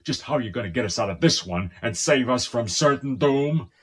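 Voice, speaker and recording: A man's voice: medium pitch, animated, fairly quick, fairly bright tone, natural voice. A man playing a sarcastic exasperated captain. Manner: dry sarcastic. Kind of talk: audio drama acting.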